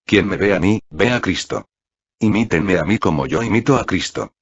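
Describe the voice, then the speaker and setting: A man's voice: low-pitched, lively intonation, normal speed, husky. A man preaching an earnest Sunday reflection, exhorting his listeners. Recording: dull lo-fi audio.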